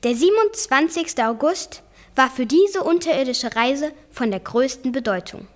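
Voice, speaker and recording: High-voiced girl reading a book aloud. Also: animated, moderate pace. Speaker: student reader.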